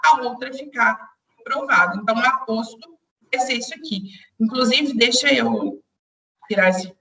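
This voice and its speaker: A woman's voice: fairly high pitch, sharp tone, far from the mic, rough recording. A young woman teaching a grammar lesson online, explaining step by step and speaking straight to her students.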